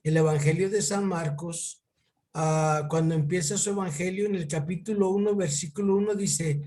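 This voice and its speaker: Halting high-voiced man teaching Bible. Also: mellow. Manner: halting, repeats words while thinking; addresses his listener by name often. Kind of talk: informal one-on-one Bible lesson. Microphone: video call.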